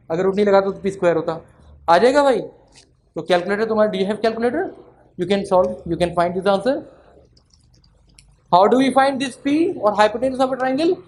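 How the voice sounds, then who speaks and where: A man giving a classroom maths lecture, often asking the students questions and slowing down to spell out formulas. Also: high-pitched, a little mellow, slight background noise, low-quality recording. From Pakistan. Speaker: maths teacher.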